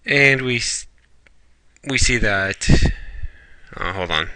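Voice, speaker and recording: A man's voice: on the low side, expressive, slow pace, sharp tone, dry recording. A man casually reviewing a manga chapter, rambling along with fillers and restarts.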